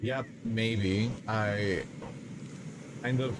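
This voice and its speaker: A man's voice: lowish voice, steady tone, drawn-out words, music in the background. A man from Bulgaria, live streaming a game and chatting in a hesitant, rambling way as he reads the chat aloud. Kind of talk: casual live-stream chat while gaming.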